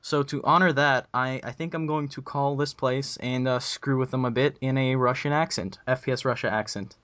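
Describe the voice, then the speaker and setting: A man's voice: medium pitch, steady tone, moderate pace, fairly bright tone, no echo, lo-fi sound. A young man hosting a casual podcast, rambling with many ums and restarts over a voice call. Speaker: podcast host.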